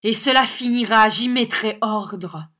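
A woman's voice: on the high side, measured pace, voice pushed up. Woman doing a bold indignant young hero. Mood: defiant. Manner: shouting, forceful, indignant. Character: bold indignant young man defending a boy.

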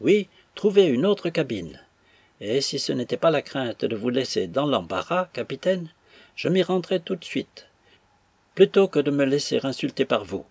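A man's voice: mid-range voice, sing-song, moderate pace, creaky, slightly rough, dry recording, exaggerated voice. A man doing a whiny young servant. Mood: whining, indignant. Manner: whining, tearful protest. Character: whiny young male servant, touchy, self-pitying.

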